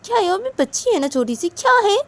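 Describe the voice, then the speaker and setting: A woman voicing a worried young woman who keeps coaxing and questioning her partner in a high, raised voice. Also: big pitch swings, fairly quick, heavily acted.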